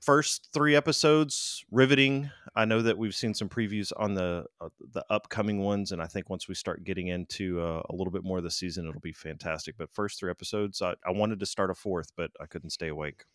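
An American man with a low voice chats on a podcast in an animated, emphatic way. The recording is dry and close to the mic. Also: a little fast, few pauses, dry recording. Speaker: podcast co-host. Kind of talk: casual chat.

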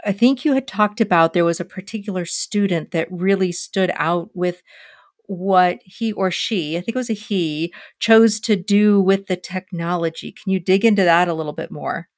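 A woman hosts the conversation in a somewhat low voice, heaping on praise. Her questions wander and run long. The sound is dry and close with no room around it. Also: moderate pace, dry recording. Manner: warm, effusive praise, asks long rambling questions. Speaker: podcast host interviewer. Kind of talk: conversational interview.

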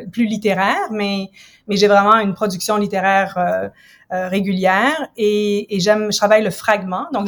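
A woman in her fifties from Ottawa, a university professor and writer, speaking as a guest in a casual interview in a reflective, measured, explanatory way. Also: medium pitch. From Ottawa, Canada. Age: 50s.

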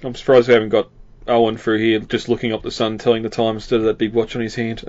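A man's voice: on the low side, little pitch movement, quick pace, darkish tone, dry recording, highs cut off. A man co-hosting a casual film podcast, rambling with lots of fillers and frequent chuckles. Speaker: podcast co-host.

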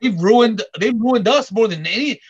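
A man chatting casually on a podcast, halting with many restarts and repeated words. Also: very high voice, slightly rough. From Korean heritage. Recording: dull lo-fi audio.

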